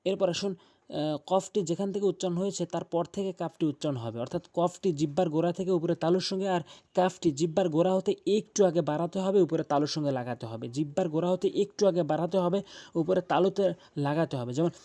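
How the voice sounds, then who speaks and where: Bengali man slowly teaching letter sounds. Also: fairly high pitch, warm tone. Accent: Bangladeshi Bengali. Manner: slow, drawn-out demonstration of letter sounds with frequent pauses. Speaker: Quran reading teacher. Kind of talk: step-by-step pronunciation lesson.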